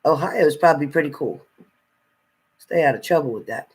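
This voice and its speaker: This tarot reader from New Jersey talks on his livestream in a somewhat high, husky voice, animated and brisk. Calling out viewers by name to greet and thank them, he offers friendly advice and laughs a lot in a casual way.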